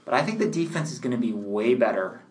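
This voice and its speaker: A man co-hosting a casual sports talk show, measured and analytical, leaning on "you know" fillers. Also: medium pitch, animated, a little mellow. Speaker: sports podcast co-host.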